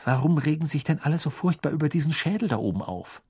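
A man's voice: on the high side, animated, quick pace, darkish tone, breathy edge, pitched above the performer's own voice. A man voicing a blunt, offhand teenage boy wizard in a storybook reading.

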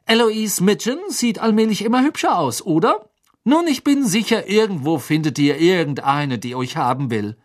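A woman's voice: wildly swooping pitch, slow pace, pauses often, exaggerated voice. A reader voicing Hermine, a clever, bossy teenage girl who talks sharply. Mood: snippy. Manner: sharp, indignant, pitched high.

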